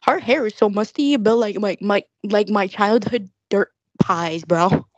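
A woman's voice: medium pitch, a little slow, no room sound. Young woman, ironic zoomer slang, casual chat, dry slightly muffled recording. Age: young adult. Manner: ironic Gen Z slang delivery. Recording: slightly dull lo-fi close recording.

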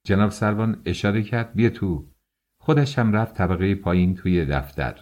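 Male audiobook narrator, low deep voice, calm and steady. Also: highs cut off.

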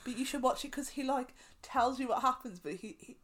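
A woman's voice: sits high, fairly quick, fairly bright tone. A woman co-hosting a podcast in casual chat, chatty and acting out quotes in funny voices. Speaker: podcast co-host.

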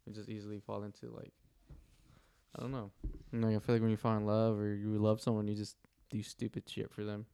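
Smooth, fairly low-voiced man chatting casually. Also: monotone, a little fast, dark tone. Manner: informal, opinionated, mild swearing. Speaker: podcast co-host. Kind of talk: casual chat.

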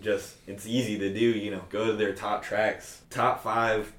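A man's voice: on the low side, little pitch movement, a little slow, fairly bright tone. A young man in casual podcast chat, laid-back and swearing freely, in a studio. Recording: roomy studio sound.

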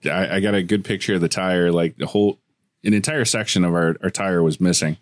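A man's voice: sits low, a little fast, no echo, studio quality. A man, a podcast co-host and pastor, telling a road-trip story in casual chat with many ums. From West Texas.

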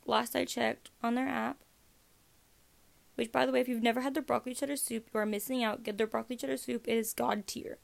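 A teenage girl rambles through a casual podcast monologue, chatty and self-mocking as she hops from one topic to the next. Her voice sits a little high and carries a gravelly fry. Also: steady tone, a little fast. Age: teens. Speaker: podcast host.

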